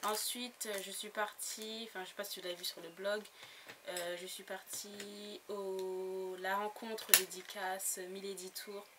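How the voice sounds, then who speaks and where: A book blogger chats casually about her latest book haul in a noisy home recording, giggly and full of fillers and restarts. Her mid-range voice is level in tone and a little slow.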